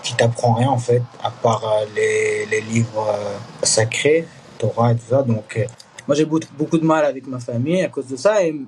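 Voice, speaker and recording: A young man born in East Jerusalem, speaking in a candid interview, earnest and halting with frequent restarts and fillers. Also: mid-range voice, fairly even intonation, darkish tone, a little hiss or hum. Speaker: Israeli reservist interviewee.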